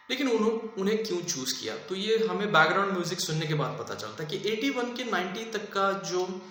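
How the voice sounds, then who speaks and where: A man's voice: high-pitched, fairly bright tone. A man giving a casual, chatty film review, explaining at length with fillers and restarts. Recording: very echoey room with faint hum.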